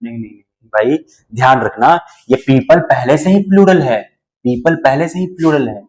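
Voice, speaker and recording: Male grammar tutor, casual and repetitive, asks rhetorical questions, slows sharply on examples. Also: medium pitch, lively intonation, darkish tone, rough recording. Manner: chatty, repeats key phrases, slows sharply on English examples; asides with rhetorical questions to the class. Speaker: English grammar teacher. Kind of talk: lecture to exam students.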